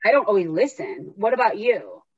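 Animated woman telling stories, dull dry sound. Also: mid-range voice, moderate pace, husky, dry recording. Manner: lively, animated, acts out inner voices. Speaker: guest author and recovery worker. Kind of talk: candid conversational storytelling.

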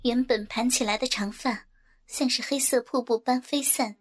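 A woman narrating a scripted adult audio story in a soft, even delivery. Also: fairly high pitch, moderate pace.

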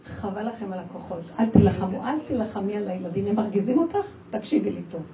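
An older woman giving an emotional religious talk to a group, exclaiming and acting out her own scolding of children. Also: mid-range voice. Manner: animated, exclaiming, acts out quoted scolding. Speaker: speaker addressing a women's audience. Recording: distant, dull lo-fi with faint noise.

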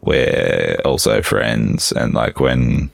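Very deep gravelly man with a sick voice. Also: drawn-out words, no room sound, clean studio sound. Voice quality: gravelly, says he has a sick voice. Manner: laid-back, laughs often, loose rambling sentences. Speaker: podcast co-host. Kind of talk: casual chat.

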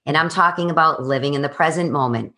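Sharp in tone and fast, this woman's low voice belongs to a fitness coach in her forties. She gives motivational interview answers with emphasis and encouragement.

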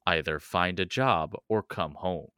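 Low-voiced laughing podcast host. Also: male voice, measured pace, smooth, dry recording, studio quality. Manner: laughs easily, animated riffs. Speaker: podcast host and story narrator. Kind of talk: casual chat and read story narration.

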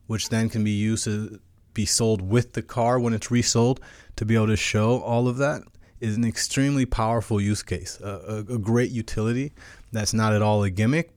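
A man's voice: lowish voice, a little mellow, no room sound. A man hosting a crypto show in an explanatory monologue, talking like a crypto bro with slang and hype. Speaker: host of a weekly crypto show.

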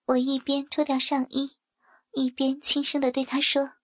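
A woman narrating a first-person story in a soft, even reading manner. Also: high voice, normal speed. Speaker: audiobook narrator.

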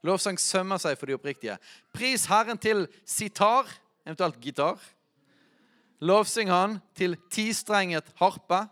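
A man preaches a sermon in a fairly high voice. He stretches words slowly for emphasis and breaks into loud shouts at the high points. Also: expressive. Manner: preaching with bursts of shouting when quoting.

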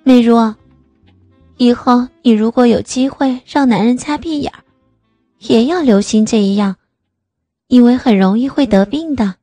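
A woman narrator voicing a candid, worldly young woman, speaking a bit faster in a frank, confiding tone. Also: on the high side, dark tone, dry recording, soft background music.

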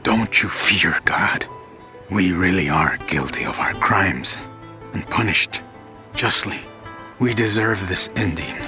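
A repentant thief, low and pleading. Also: male voice, pushed and bright, full character voice. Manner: pleading, humble. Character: repentant thief on a cross, humble adult man. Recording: music underneath.

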